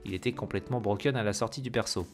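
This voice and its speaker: A man's voice: on the low side, rapid-fire, soft background music. A man hosting a gaming video, casually commenting on patch notes with many fillers and self-corrections, reading English terms with a heavy French accent.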